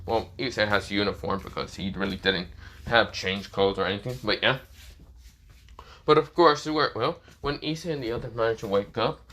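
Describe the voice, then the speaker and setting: A man improvises a fan story aloud, rambling and leaning on the same filler phrases, especially "this is where, well." His voice is fairly low, pushed and bright, at normal speed.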